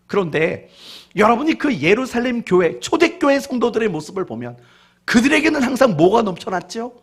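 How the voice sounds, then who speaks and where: A male pastor preaching a sermon, questioning the congregation directly and mixing in humorous family stories, going from loud to hushed. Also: high voice, creaky, breathy edge. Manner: mixes in humorous family anecdotes.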